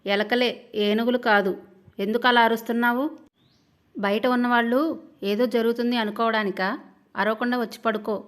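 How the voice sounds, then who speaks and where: Woman reading young husband, teasing, sarcastic, dry, fairly high voice, storybook narration. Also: steady tone, moderate pace, pauses often, close to an everyday voice. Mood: scolding.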